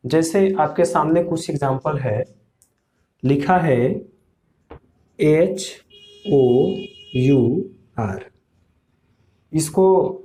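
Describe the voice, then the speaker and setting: A man's voice: fairly high pitch, darkish tone. A man teaching a lesson, explaining step by step and asking the class quiz questions. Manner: slow, repetitive explaining with quiz questions to students.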